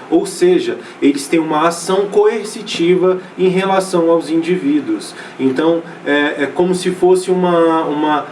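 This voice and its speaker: Far from the microphone and over slight background noise, a Brazilian sociology teacher speaks in a slightly high, slightly mellow voice. His recorded online lecture is relaxed and conversational, full of fillers and restarts, with frequent check-ins with the class, and his accent is Brazilian Portuguese. The recording is rough.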